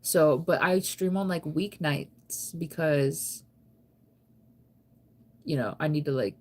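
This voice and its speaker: This thirty-something live streamer from the United States speaks slowly, her deep voice a little mellow. Late at night she chats casually with her audience, responding to their comments. She rambles along conversationally and pokes fun at herself in a playful way.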